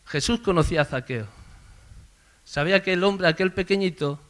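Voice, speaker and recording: Man, sermon, somewhat high pitch, conversational storytelling, church service. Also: normal speed. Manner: conversational storytelling, swells loud on names called out. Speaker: preacher.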